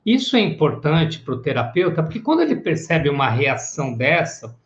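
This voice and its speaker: A man with a somewhat high voice gives a live-streamed psychoanalysis lecture and keeps asking his viewers whether they follow. The sound is roomy and echoey, and the audio is dull and lo-fi. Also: big pitch swings, normal speed. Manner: explanatory, greets viewers by name, tag questions. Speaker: psychoanalysis teacher.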